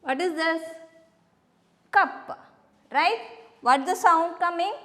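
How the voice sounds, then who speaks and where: Malayali lady teacher, kindergarten phonics, super slow, spells everything out, high voice. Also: expressive, pushed and bright, in a large hall. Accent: Malayali English. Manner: slow, patient, spells out words letter by letter and asks questions. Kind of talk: phonics lesson for young children.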